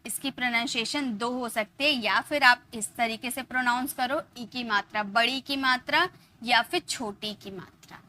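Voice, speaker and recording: A woman's voice: on the high side, normal speed, bright, forceful tone. A woman teaching English pronunciation step by step, spelling letters aloud and checking in with "okay". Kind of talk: casual teaching lesson.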